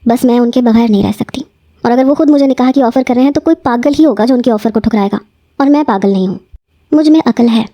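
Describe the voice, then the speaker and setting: A woman voicing a frightened young female student who pleads tearfully, her voice pushed higher. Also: warm tone, no echo, clean studio sound. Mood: indignant.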